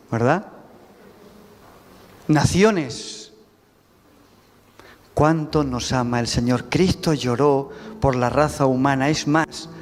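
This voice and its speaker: A man with a Spanish accent preaching a sermon, emphatic and putting rhetorical questions to the congregation. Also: mid-range voice. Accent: Spanish from Spain. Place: church sanctuary. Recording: reverberant church hall with faint music.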